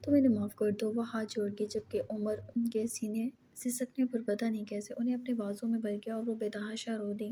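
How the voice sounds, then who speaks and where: A woman with an Urdu accent reading a romance novel aloud, often in a soft, whispery voice. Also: a little high, flat delivery, moderate pace, hardly any pauses, slight background noise. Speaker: audiobook narrator.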